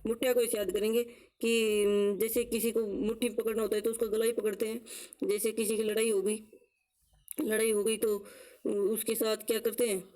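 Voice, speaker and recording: Her voice sits fairly high, level and dark in tone, and the audio is poor. Teaching an exam-prep lesson, she goes slowly, answers the questions she raises, and repeats terms with memory tricks to drill them.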